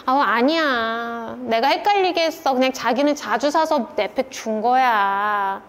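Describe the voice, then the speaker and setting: A woman playing a chatty middle-aged female rice-cake shop owner who talks in a brisk, familiar way. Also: a little high, big-room sound, natural voice. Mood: soothing.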